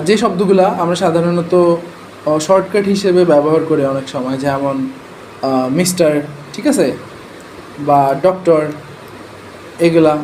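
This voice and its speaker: A man's voice: a little high, darkish tone, slight background noise, low-quality recording. A man explains transcription rules to a class in a conversational way, often checking in with his listeners. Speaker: transcription trainer.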